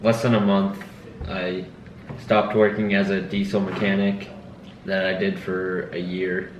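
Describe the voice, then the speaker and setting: Deep, monotone young man, echoey noisy room. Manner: brief, easygoing, halting replies. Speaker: co-host. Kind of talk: casual chat. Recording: echoey room, dull sound with background noise.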